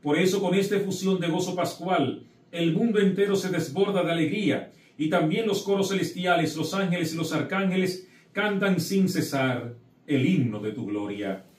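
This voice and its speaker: A man's voice: high voice, moderate pace. A middle-aged man, a priest, preaching with encouragement and then solemnly reciting the prayers of the Mass. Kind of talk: sermon and Mass liturgy. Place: small chapel set with altar, indoors. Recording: echoey room, voice from far off.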